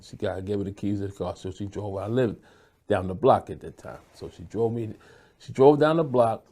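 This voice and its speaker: A man recounts events in a low voice with a husky edge. His tone is dark and relaxed. He drifts into quoting what others said as he talks. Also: normal speed. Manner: laid-back street storytelling, acts out dialogue. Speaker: interviewee. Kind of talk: storytelling interview.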